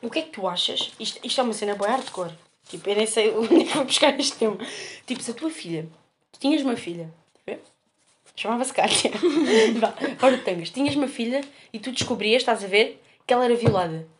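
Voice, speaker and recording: A woman's voice: on the high side, expressive, fairly quick, slight background noise. A young woman with a European Portuguese accent, telling a story in slangy casual chat with a podcast co-host, often laughing and a little short of breath. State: feeling hot, short of breath.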